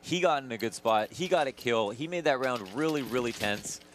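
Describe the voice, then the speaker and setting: A man's voice: medium pitch, animated, normal speed, a little hiss or hum. A man giving conversational, analytical commentary on a live video game match as the analyst of the broadcast.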